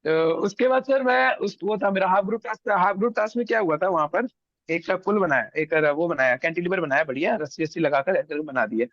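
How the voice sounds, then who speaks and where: High-voiced young man telling a story. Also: fairly quick, no echo, highs cut off. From India. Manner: animated, acts out others' lines. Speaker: interview guest. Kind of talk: casual storytelling.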